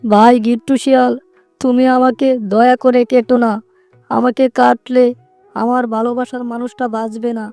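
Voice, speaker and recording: A woman voicing a gentle, pleading and generous magical talking tree in a soothing cartoon style. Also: on the high side, flat delivery, normal speed, gravelly, dry recording, soft background music. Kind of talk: cartoon voice acting.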